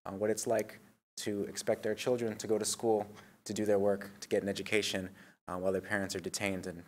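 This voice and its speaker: A man in his thirties giving a prepared presentation to a commission at a public meeting, in a steady, measured way with frequent ums. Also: lowish voice. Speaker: invited presenter.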